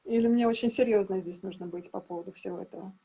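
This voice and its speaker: A woman's voice: mid-range voice, mellow, husky. Woman interpreter giving live translation voice-over. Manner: quick, plain rendering with brief hesitations and self-corrections. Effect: live consecutive translation voice-over into Russian. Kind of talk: consecutive interpreting on a video call. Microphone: video call.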